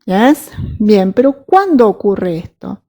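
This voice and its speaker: Slow, mellow-voiced woman teaching English. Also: medium pitch, very animated. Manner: patient, checks understanding with frequent "¿sí?" and "¿mm?"; spells out English examples slowly. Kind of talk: recorded grammar lesson.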